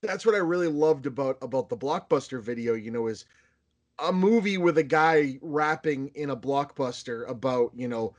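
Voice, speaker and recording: A man in his thirties from the area talks as an interviewer in an easygoing, rambling way, filling his sentences with "you know" and "like" and restarting often. His voice sits at an ordinary middle pitch. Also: normal speed. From Boston area. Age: 30s. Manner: rambling, many fillers and restarts. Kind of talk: casual conversational interview.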